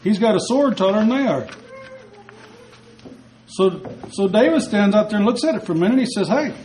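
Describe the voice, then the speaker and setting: A man's voice: sits high, expressive, moderate pace, a little mellow, a little hiss or hum, rough recording. A male preacher giving a sermon, retelling a story conversationally with rhetorical questions.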